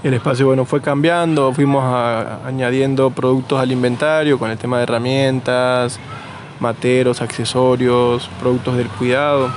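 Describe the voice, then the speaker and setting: An Argentine man being interviewed outdoors, talking in a relaxed, rambling way with fillers and restarts. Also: mid-range voice, moderate pace, a little hiss or hum. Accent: Argentine Spanish. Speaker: interviewee, nursery co-founder. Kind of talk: casual conversational interview.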